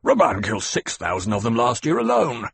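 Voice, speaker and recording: Narrator voices a domineering, petulant fat lord, demanding, husky, animated. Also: male voice, mid-range voice, fairly quick, no echo, heavily acted. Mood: blustering. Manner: blustering, demanding. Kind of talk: audiobook character voice.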